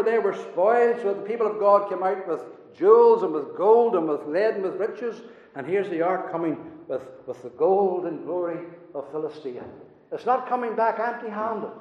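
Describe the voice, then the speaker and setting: High-voiced preacher in an echoing hall. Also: male voice. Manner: fervent, repetitive preaching with sudden swells and drops. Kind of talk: sermon. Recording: roomy hall reverb, dull sound.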